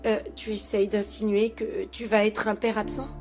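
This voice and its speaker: A woman's voice: medium pitch, little pitch movement, moderate pace, over music, lightly acted. An actress dubbing a distraught young mother who pleads with and soothes her baby in a telenovela. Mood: resentful. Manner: pleading, tender. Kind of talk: dubbed telenovela acting.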